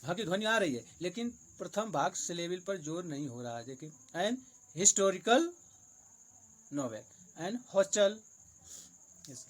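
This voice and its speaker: A man teaching English grammar for exam preparation, with Hindi-accented English, repeating each rule and example slowly to explain it. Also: high-pitched, expressive. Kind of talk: exam-prep grammar lesson.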